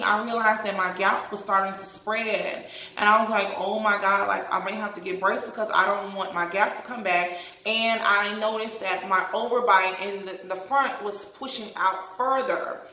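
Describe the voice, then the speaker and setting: A bright-voiced woman talks with braces, giving her speech a noticeable lisp. She chats casually in a rambling vlog style, recorded in a roomy, echoey space. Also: mid-range voice. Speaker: vlogger. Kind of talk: casual chatty vlog to followers.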